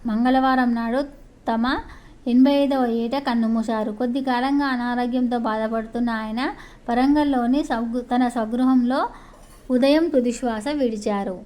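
A woman's voice: a little high, steady tone, moderate pace, dark tone. A woman narrating a biography for her channel, reading long lists of dates and awards with occasional slips and restarts. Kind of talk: read-aloud biography narration.

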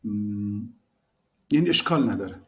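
A man's voice: on the low side, animated, a bit bright. A man teaching a language lesson, explaining phrases animatedly and repeating the key words.

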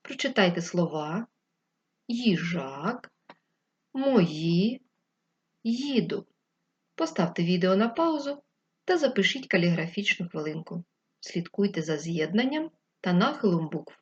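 A woman teacher giving a remote lesson to first graders, talking slowly and clearly to the children. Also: lowish voice, sing-song, muffled recording. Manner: slow, clear dictation addressed to children. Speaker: primary school teacher.

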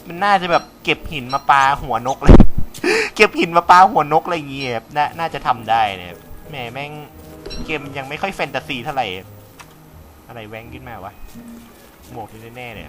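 A young man with a cold gives chatty, casual let's play commentary, swearing freely as he talks to viewers. His mid-range voice swings widely in pitch at a normal speed, with faint game music in the background.

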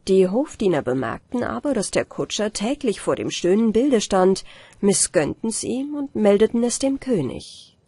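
A woman narrating a fairy tale as an audiobook for falling asleep, in a calm, measured storytelling manner. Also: medium pitch, slightly rough, dry recording. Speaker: audiobook reader.

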